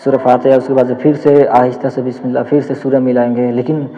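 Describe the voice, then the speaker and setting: A man's voice: mid-range voice, level tone, warm tone, in a large hall, muffled recording. A man, teaching the steps of prayer patiently and repeating each point as he demonstrates it. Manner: patient, repetitive step-by-step explaining, demonstrating as he speaks. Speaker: Islamic teacher. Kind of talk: practical religious instruction.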